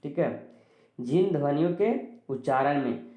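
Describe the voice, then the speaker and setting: A man's voice: on the high side, unhurried, dark tone, reverberant. A male teacher giving an exam-prep grammar lesson, asking and answering his own questions with frequent "ठीक है".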